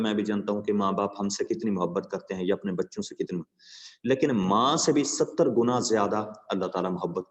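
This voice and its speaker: A man's voice: fairly low pitch, in a large hall. A male teacher giving a classroom lecture on a poem, asking his students rhetorical questions and telling them moral stories. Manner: asks the class rhetorical questions and checks understanding.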